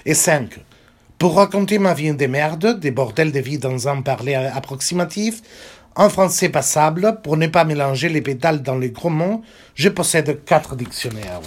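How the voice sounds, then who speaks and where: A man reading as an insolent boy of about ten who fought as a child soldier speaks bluntly, counting off his points and swearing freely. The voice sits a little high for a man. It sounds like a literary reading rather than a staged performance.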